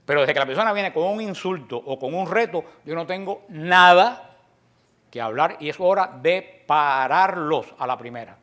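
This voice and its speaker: A Cuban man with a somewhat high-pitched voice teaches an apologetics class in a Cuban accent. He speaks emphatically, lets key phrases fade off quietly, and acts out quoted exchanges as he tells stories. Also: lively intonation. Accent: Cuban Spanish. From Cuba. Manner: emphatic, slows down and trails off softly at the end of key phrases. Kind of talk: lecture to a class.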